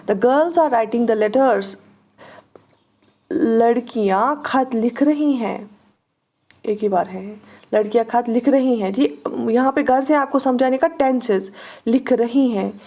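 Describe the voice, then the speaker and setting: A woman teacher with a Kashmiri accent, speaking in a fairly high but mellow voice. She reads each example sentence slowly and repeats it for drilling. She keeps checking that her students follow along. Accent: Kashmiri-accented Hindi-Urdu. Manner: checks understanding with short questions. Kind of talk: online exam-prep lesson.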